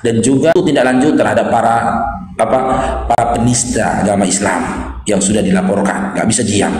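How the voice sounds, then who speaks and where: A man's voice: on the low side, steady tone, a little fast, a crowd in the background. A man co-hosting a live stream, speaking in an urgent, insistent way. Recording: heavy echo with hall-like reverb.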